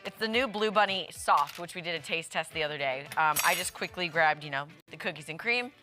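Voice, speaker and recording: A woman's voice: sits low, fairly quick, over music. A young woman co-hosting a live TV morning show, upbeat and giggly, reading out viewer comments. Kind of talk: casual TV morning show chat. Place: TV studio.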